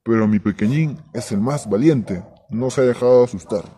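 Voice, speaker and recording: A big, proud father lion, voiced by a man with a very mellow, dark tone. He speaks in a warm, reassuring way over faint background noise in this children's storybook drama. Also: medium pitch, moderate pace, close to an everyday voice.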